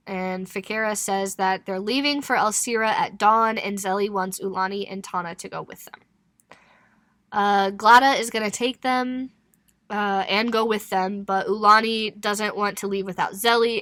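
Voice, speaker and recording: A woman's voice: medium pitch, no echo. Laughing young woman recapping a book. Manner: laughing, animated storytelling with expletives. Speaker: podcast co-host. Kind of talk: casual book recap chat.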